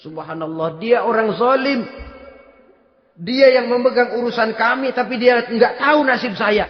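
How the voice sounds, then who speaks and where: A man acting out a poor mother whose soft, weary voice pleads with a stranger. His delivery is a little low for her part and carries a long echo across a large hall. The recording itself sounds dull and lo-fi. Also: a little slow. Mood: pleading.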